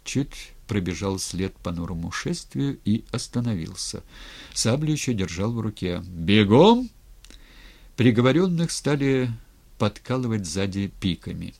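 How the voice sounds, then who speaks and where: A man reading a historical novel aloud in an expressive, dramatic way. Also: fairly low pitch, normal speed, gravelly. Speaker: narrator. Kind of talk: audiobook reading.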